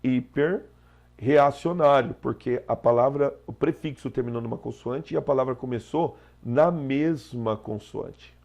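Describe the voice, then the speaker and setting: Gravelly Brazilian teacher explaining grammar. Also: male voice, mid-range voice, measured pace, a little mellow. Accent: Brazilian Portuguese. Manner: explains step by step, frequent "tá?" checks. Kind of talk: exam prep lesson.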